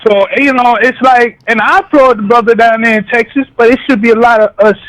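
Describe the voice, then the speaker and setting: A man's voice: extremely high pitch, steady tone, a little fast, crowd noise, low-quality recording. A man calling in to a radio show, talking in a slangy, conversational monologue full of tag questions. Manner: slangy, conversational, repeats "you know what I'm saying". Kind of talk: casual call-in monologue.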